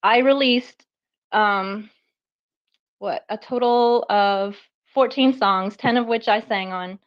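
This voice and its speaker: Woman, guest on live audio chat, animated, self-deprecating, slightly breathless, higher pitch, muffled lo-fi audio. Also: slow. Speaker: guest artist and fundraiser.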